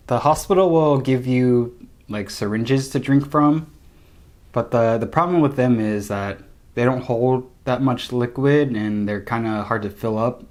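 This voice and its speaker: A young man talking casually to camera in a low-key, conversational way, sharing tips as a vlogger. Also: darkish tone. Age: young adult. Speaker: vlogger giving recovery tips. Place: small room indoors, seated at a table.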